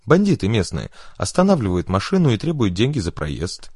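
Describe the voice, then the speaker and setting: A man's voice: fairly low pitch, huge pitch swings, brisk, a little mellow, husky, no echo, clean studio sound, heavily acted. A man voicing a nervous, polite male taxi driver. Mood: chatty polite. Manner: polite, says sir, panicky under threat.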